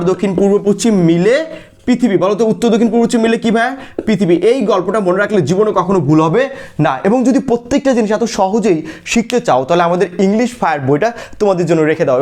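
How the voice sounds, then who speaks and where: A young male tutor from Bangladesh with a high, bright-edged voice races through an exam-prep grammar lesson. He throws out quick questions, answers them himself, and calls his listeners brother again and again. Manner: quizzes students by asking a question and answering it himself. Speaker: English tutor. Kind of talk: energetic exam-prep lesson with call-and-response drills.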